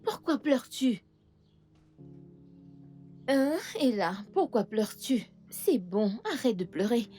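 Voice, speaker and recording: An actress dubbing a sharp-tongued scheming aunt who scolds and coaxes her niece in a film. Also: fairly high pitch, animated, slow pace, pauses often, faint music behind. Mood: coaxing. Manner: scolding and bossy, then falsely soothing. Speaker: aunt and guardian. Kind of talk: French dub of a film.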